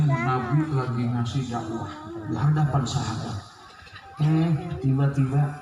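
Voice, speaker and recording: A man preaching a sermon at a mosque gathering, telling stories in an animated way and joking with the crowd. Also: mid-range voice, noisy background. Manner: animated storytelling, jokes with the crowd. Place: mosque hall at a religious gathering. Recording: echoey hall, far from the mic.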